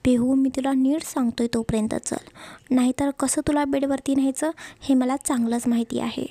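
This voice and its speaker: A woman's voice: high voice, steady tone, normal speed, dark tone, no room sound. A woman voicing a strict young husband who speaks in a firm, commanding way. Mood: stern.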